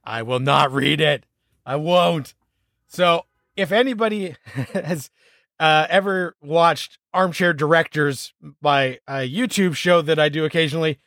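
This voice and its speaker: A man co-hosting a casual TV recap chat, talking with eager, animated enthusiasm. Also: fairly high pitch, no room sound, studio quality. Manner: enthusiastic, animated fan talk. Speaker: podcast co-host.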